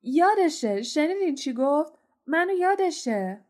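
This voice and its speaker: Lady doing an overexcited little wizard guy, gushing, voice jumps up high. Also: natural voice. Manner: gushing, excited. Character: excitable little male wizard fan.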